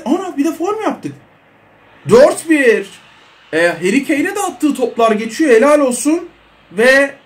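A young man giving casual, excitable commentary over a mobile football game, chatting to his viewers. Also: very high voice. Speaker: mobile football gaming creator.

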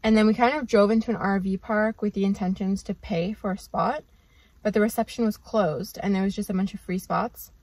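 A woman's voice: medium pitch, fairly even intonation, brisk, darkish tone, no echo. A woman, chatting casually to a camera from the seat of her parked car, rambling with lots of "like" and "um". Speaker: vlogger. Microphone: camera on dashboard.

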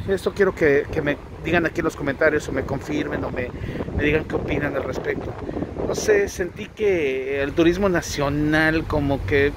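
A man's voice: a little high, background noise. A man with a Mexican accent casually reviewing a restaurant for his travel vlog, talking hesitantly with lots of fillers and repeats, recorded outdoors by a street. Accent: Mexican Spanish. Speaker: travel vlogger.

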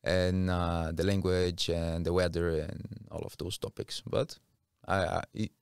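A man in his thirties from Rio, with a Brazilian accent, talks casually in a podcast interview, speaking at a measured pace with little variation in pitch. His voice sits low, creaky but clean-toned, recorded dry on a close boom-arm mic in a small curtained studio.

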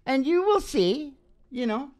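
Between songs at a live performance in a small, dim room, a middle-aged musician-host rambles casually, sounding folksy and opinionated and asking "right?" again and again. His voice is very high with big pitch swings, and he speaks at a measured pace. A stand microphone sits close to his mouth, and acoustic guitar music surrounds his words.

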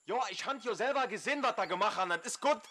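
A man's voice: high voice, animated, fast, pushed and bright, a little hiss or hum. A man playing a berserk, indignant builder who rants and scolds in a Saarland accent, in a comic dialect dub. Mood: indignant rage. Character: berserk, raging man berating incompetent building workers.

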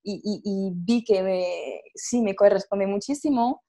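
A young woman from France speaking Spanish as a second language with a French accent, answering interview questions over a video call in a lively way, often restarting her words. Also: medium pitch, measured pace. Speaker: guest performer. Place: home room with red sofa. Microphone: earphone headset on video call.

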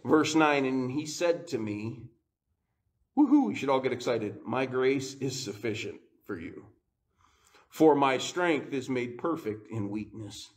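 The preacher is a man who is expressive and unhurried, with frequent laughter throughout his sermon. He shifts from soft, low sections up to forceful, rising high points.

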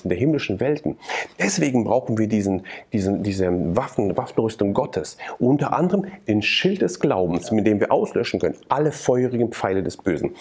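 Low husky German man testifying. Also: darkish tone. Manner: earnest preaching cadence with repeated phrases. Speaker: interview guest.

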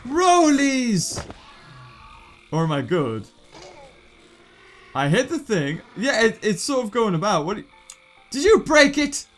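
Casual gaming commentator, young man, British accent, jokey and excitable, high lively voice over quiet music. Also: slow, pauses often. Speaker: gaming YouTuber.

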